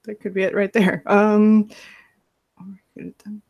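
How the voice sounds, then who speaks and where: A woman's voice: mid-range voice, flat delivery, normal speed, gravelly, muffled recording. A woman playing a tabletop game, talking casually and hesitantly with many fillers and some laughter. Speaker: player.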